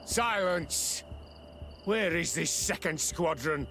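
Game villain: ruthless scornful officer, measured slow delivery, raised pitch. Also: male voice, bright, forceful tone, soft background music, exaggerated voice. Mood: cold contempt. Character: ruthless, scornful male officer villain running a brutal camp. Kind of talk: video game voice acting.

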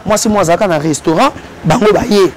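A man's voice: sits high, fast talker, a little hiss or hum. A man animatedly telling a story as a guest in a casual interview. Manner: lively, switches between Lingala and French.

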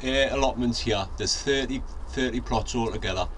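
A forties-aged allotment vlogger from North East England talks at normal speed in a mid-range, fairly bright voice and a Northeast English accent, rambling casually with plenty of ums and restarts. He records outdoors in his allotment garden with a handheld camera mic, then in a shed on a fixed camera, with sirens and traffic in the outdoor background.

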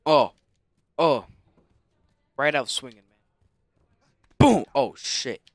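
A man giving casual, excitable commentary on his own gameplay, taunting and shouting sound effects. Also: medium pitch, takes it slowly, no room sound, clean studio sound. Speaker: gaming commentator. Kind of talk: casual let's-play commentary.

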